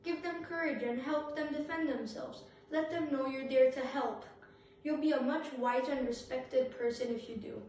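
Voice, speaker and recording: An earnest young woman delivers a prepared school speech, urging listeners. Her voice is high, and she sits well back from the mic. The room rings with heavy echo. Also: fairly even intonation, moderate pace, darkish tone, slight background noise. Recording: very echoey room, far from mic.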